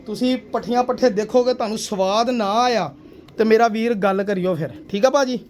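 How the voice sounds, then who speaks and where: High-voiced man selling pigeons. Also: brisk, a little hiss or hum. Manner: persuasive, addresses viewer as sir and brother. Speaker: pigeon seller showing birds. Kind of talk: casual sales pitch.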